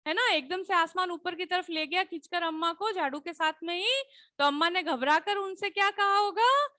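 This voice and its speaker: A woman teacher with a Hindi accent walks children through a textbook lesson patiently. Her voice sits very high and sounds bright and crisp. The recording is dry and close, with no room sound. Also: moderate pace, no echo. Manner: patient, repeats questions, frequent "है ना?" tag checks. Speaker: school teacher.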